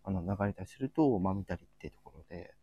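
On a casual group chat livestream, a male co-host brings up topics politely and hesitantly, leaning on frequent fillers. His voice is low and mellow with a slightly rough edge, he talks at a quick pace, and the audio sounds lo-fi.

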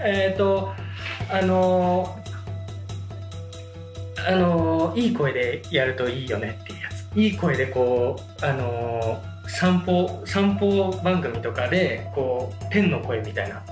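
A young man co-hosting a casual comedy game chat, playful and quick to laugh, fumbling for words as he explains. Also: fairly high pitch, echoey room, faint music behind. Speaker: podcast co-host.

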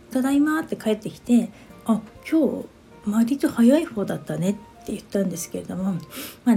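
A woman's voice: medium pitch, warm tone. A woman in her fifties hosting a podcast, telling a story casually in a chatty way and often asking listeners what they think. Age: 50s. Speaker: podcast host.

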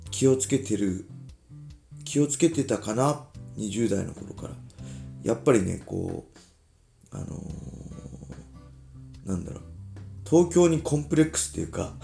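A man in his forties from Ibaraki, Japan, hosting a casual solo podcast in a relaxed, chatty way with lots of filler asides. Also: on the low side, gravelly. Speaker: podcast host, former pro fighter.

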